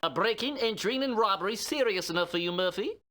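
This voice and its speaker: A man's voice: high voice, lively intonation, fast, pushed and bright. An actor playing a crusty, curt old male pawn shop owner in a game. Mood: gruff. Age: older. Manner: gruff and curt. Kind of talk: 1990s game voice acting.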